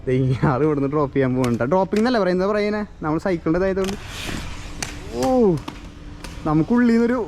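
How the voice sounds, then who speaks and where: A man with a Kerala accent chatting excitedly as a vlogger, mixing English slang into his Malayalam. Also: high-pitched, rapid-fire, a little hiss or hum. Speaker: vlogger, host. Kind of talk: excited casual outdoor vlog chat. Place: outdoor skate park.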